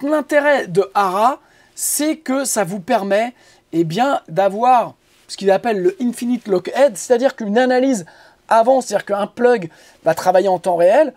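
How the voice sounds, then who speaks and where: Male producer host, mellow tone, halting casual tutorial delivery full of fillers. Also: high-pitched. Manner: rambling, halting with many fillers and repeated words; joking asides. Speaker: music producer teaching audio mixing.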